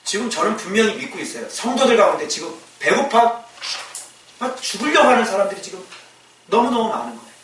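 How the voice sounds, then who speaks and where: Animated preaching pastor in an echoey hall. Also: male voice, high voice, a little fast, slight background noise. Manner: shouts when quoting, animated preaching with rhetorical questions. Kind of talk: sermon. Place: church sanctuary. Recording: echoey church hall mic at a distance.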